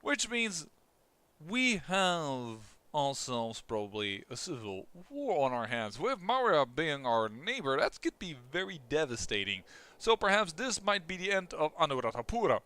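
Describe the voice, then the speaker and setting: Casually narrating his strategy game session, a young Dutch let's play host talks fast and excitedly, often beginning sentences again. His fairly high voice has a clean tone, with no room sound, and a Dutch accent.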